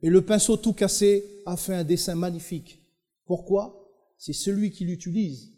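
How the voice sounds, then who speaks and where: A male pastor with a French Caribbean accent preaching to his congregation. He tells the story emphatically, speaking right to the listeners. His voice is high for a man and rings out with a long hall reverb. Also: fairly even intonation, moderate pace, warm tone. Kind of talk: sermon.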